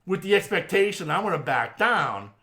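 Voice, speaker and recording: A middle-aged man tells an old story on a casual podcast. His voice sits fairly high and sounds bright, and his pitch jumps around a lot. He swears freely, acts out each line of dialogue and laughs often. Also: normal speed. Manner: profane, animated storyteller who acts out quotes and laughs often. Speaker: podcast co-host.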